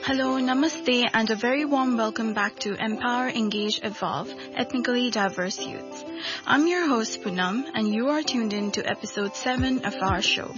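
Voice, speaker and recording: A woman hosts an interview show with upbeat, encouraging energy and a rather high-pitched voice. Music plays clearly in the background, and the audio sounds dull and lo-fi. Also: normal speed. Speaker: podcast host. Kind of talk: casual interview hosting.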